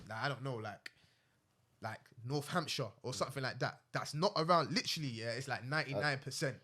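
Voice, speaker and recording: A man's voice: medium pitch, fairly quick, sharp tone. A young man in casual podcast chat, full of slang and "bro" and "you get what I'm saying". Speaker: podcast co-host.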